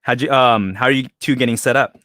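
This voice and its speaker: A young man chats loosely as a podcast co-host, full of fillers and restarts. His voice sits in a middle pitch range. The sound is dry and close to the mic. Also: quick pace, pushed and bright, dry recording. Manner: joking, rambling with fillers and restarts. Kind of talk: casual chat.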